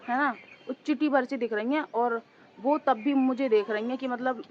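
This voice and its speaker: A hoarse woman with a fairly high voice talks straight to her viewers in a loose, rambling vlog. Her throat is sore and it shows in every line. The phone recording sounds dull and lo-fi, with faint noise behind her outdoors. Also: steady tone, normal speed. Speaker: vlogger. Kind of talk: casual chatty vlog. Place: outdoors high up on a two-storey house.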